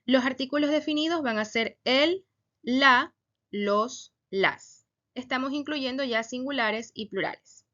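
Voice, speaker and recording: Woman teacher giving a slow, careful grammar lesson; bright, slightly high voice on a dull, lo-fi recording. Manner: slow, deliberate, stresses example words. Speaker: Spanish teacher.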